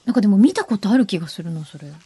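Female co-host, casual chat, husky tone, lively pitch, quick reactions. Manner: frequent listening responses, quick reactions. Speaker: podcast co-host.

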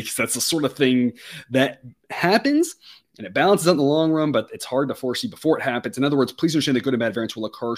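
Very fast-talking male sports host. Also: medium pitch. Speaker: sports betting show host. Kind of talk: conversational sports show presenting.

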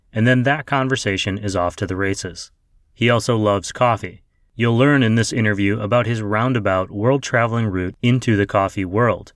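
A man's voice: lowish voice, dry recording, clean studio sound. A man hosting a podcast, introducing his guest and asking friendly, upbeat questions. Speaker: podcast host.

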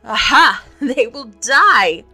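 A woman voicing a cruel, gloating pirate captain in a storybook, speaking slowly and theatrically through clenched teeth. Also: high voice, a bit bright, soft background music.

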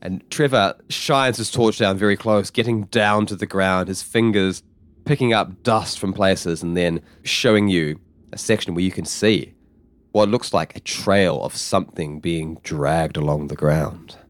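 A man narrating a tabletop game as game master, in an animated storytelling way. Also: low-pitched, a little slow, no echo. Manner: animated storytelling with frequent restarts.

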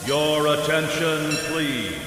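A man making a formal, measured announcement, heard over an outdoor park loudspeaker. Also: fairly high pitch. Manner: slow, measured, drawn-out phrasing. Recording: echoey long-reverb loudspeaker with loud music.

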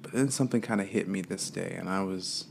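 A man's voice: sits low, quick pace, creaky, a little hiss or hum. A man giving a casual, meandering spiritual talk, full of fillers and loose asides.

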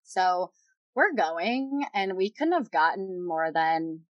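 A woman's voice: lowish voice, animated, slow, dry recording, highs cut off. Woman rambling through a story, lots of "like", dry close mic. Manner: rambling, filler-heavy, many "like"s and "yada yada". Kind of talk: casual personal storytelling.

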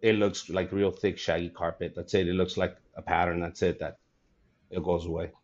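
A man in his forties, a comedian, chatting casually and telling stories in an animated, laughing way. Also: sits low, normal speed, dull audio. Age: 40s. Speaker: comedian guest. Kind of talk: casual podcast chat.

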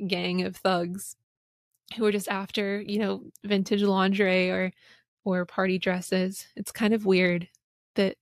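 A woman's voice: medium pitch, no echo. Chatty woman host, dry close sound. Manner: chatty and emphatic, with frequent fillers. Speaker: podcast host. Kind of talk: casual commentary reading an interview aloud.

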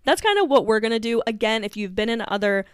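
A woman's voice: a little high, lively intonation, fast talker, clear, resonant tone, dry recording. Chatty podcast lady, lots of likes and ums, super clean dry audio. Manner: chatty, lots of fillers and laughs. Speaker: podcast co-host. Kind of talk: casual chat.

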